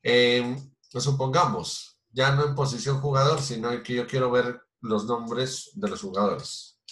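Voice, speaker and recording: A man's voice: medium pitch, fairly even intonation, unhurried, fairly bright tone. A man teaching a programming class, explaining patiently step by step with many fillers and restarts. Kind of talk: recorded online class. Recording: roomy echo.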